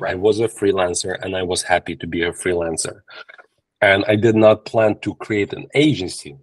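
On a laptop or phone video call, a Ukrainian-accented agency owner appears as a podcast guest in a casual interview chat. He tells stories animatedly in simple non-native English, restarting often, with a low voice at a moderate pace. The recording is dry and the audio quality poor.

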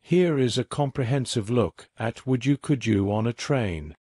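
A man's voice: mid-range voice, animated, a little slow, mellow, husky, no room sound. Man narrating a mystery video, dry close mic. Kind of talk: scripted narration.

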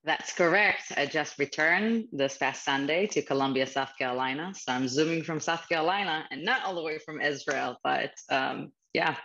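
Over a webcam video call from a small office, a guest speaker in her thirties with a Ukrainian accent talks sincerely and heartfeltly, her phrasing slightly non-native. She has a low, creaky, somewhat bright voice and keeps a moderate pace with few pauses. The call audio sounds slightly muffled.

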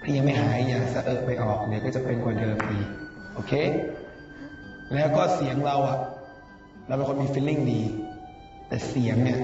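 A young man with a mid-range voice, a departing contestant, records a casual farewell message full of teasing, big-brotherly advice. The recording sounds roomy, distant and muffled, with music playing in the background.

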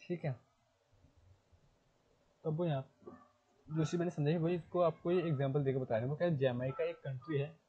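Husky-voiced male teacher on a tinny line. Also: fairly high pitch, steady tone. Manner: repeats key terms, asks and answers his own questions; reads English text slowly before explaining. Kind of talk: classroom lecture in Hindi mixed with English. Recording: phone-like lo-fi sound.

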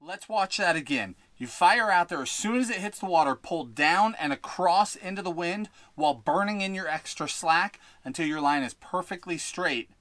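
A young man shoots an outdoor fishing tutorial on a windy lakeshore with a head-mounted action camera, offering tips in an upbeat, instructive way. He speaks at normal speed in a high, fairly bright, animated voice, barely pausing, in a dry recording.

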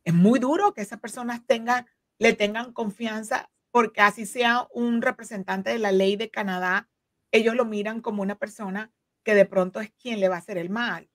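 A Spanish-speaking woman in her forties, an immigration legal counsel, is a guest in an explanatory interview, talking earnestly with many fillers and restarts. Her voice is fairly high with fairly even intonation at a normal speed, captured on a desk microphone over a video call from her home office, yet sounding dry and studio quality.

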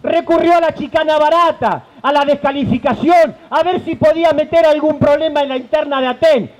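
This rough recording captures a very high-pitched man in his forties, an Argentine union leader, speaking a little fast. Gesturing and sometimes shouting, he delivers an impassioned protest speech into a handheld mic from a tented outdoor rally stage, with an Argentine Spanish accent.

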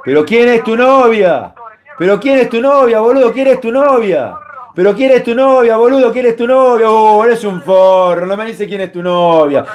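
A man's voice: very high voice, moderate pace, dull audio. A man hosting a heated live-stream call-in, badgering callers with repeated insults. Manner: insulting, repetitive, badgering shouts. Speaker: streamer taking calls.

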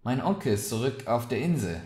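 A man's voice: mid-range voice, animated, brisk, darkish tone, natural voice. A man doing a coaxing young merchant. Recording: roomy echoey recording.

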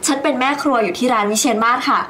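A woman's voice: fairly high pitch, racing, background noise, close to an everyday voice. An actress playing a feisty young woman dessert cook who talks in a chatty, pleading, stubborn way in a TV drama. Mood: polite. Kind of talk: TV drama acting.

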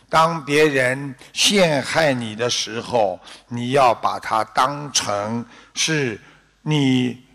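A man with a Shanghainese-accented Mandarin, giving a deliberate, unhurried Buddhist dharma talk with a parable in a hall. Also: mid-range voice, fairly bright tone. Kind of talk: slow measured sermon with parable.

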